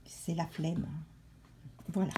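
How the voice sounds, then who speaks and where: A woman's voice: on the low side, flat delivery, slow, mellow, slight background noise. A woman with a young daughter, chatting casually and rambling in a self-mocking way as she shows off her purchases. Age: adult with a young daughter. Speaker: vlogger showing a haul. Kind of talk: casual show-and-tell vlog. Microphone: handheld phone.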